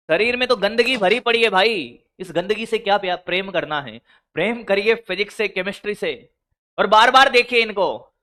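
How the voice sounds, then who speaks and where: A man's voice: sits high, pushed and bright. A physics teacher giving scolding, motivational study advice, full of rhetorical questions to his students.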